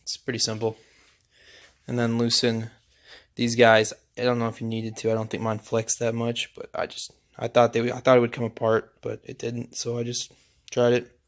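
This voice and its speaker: Laid-back young man, flat voice. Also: medium pitch, normal speed. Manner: relaxed, rambling, many fillers. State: out of breath. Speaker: home mechanic. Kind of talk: casual how-to narration. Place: home garage.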